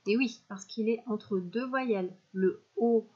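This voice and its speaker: A woman primary school teacher giving a recorded spelling dictation, stretching out each word slowly and clearly with patient classroom talk. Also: fairly high pitch, lo-fi sound. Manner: slow, clear over-articulation of words, patient teacher talk.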